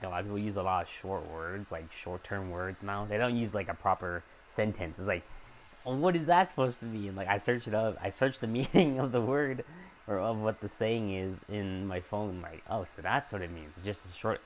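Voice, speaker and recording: A young man chats casually while streaming a game, his voice sitting very low and quiet. He talks hesitantly, restarting sentences and filling pauses with ums and likes. A faint hum of ambience sits behind him. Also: poor audio. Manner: hesitant, soft-spoken, many fillers and restarts.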